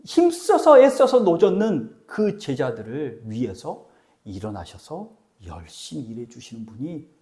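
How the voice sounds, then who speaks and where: A male pastor preaching a sermon, asking his congregation questions and dropping from loud exhortation to near-whispers. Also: medium pitch, huge pitch swings, a little slow.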